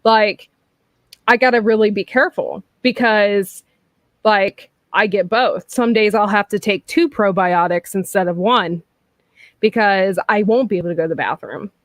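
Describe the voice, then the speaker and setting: A woman's voice: mid-range voice, moderate pace, no echo. Woman in her thirties, casual chat host, frank and rambling, dry close sound. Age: 30s. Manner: chatty and frank, with frequent laughs and fillers.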